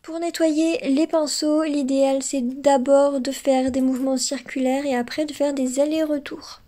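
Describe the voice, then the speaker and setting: High, mellow-voiced woman narrating a tutorial. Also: flat delivery, moderate pace. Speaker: makeup artist making a tutorial. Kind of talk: scripted tutorial voice-over with soft ASMR touches.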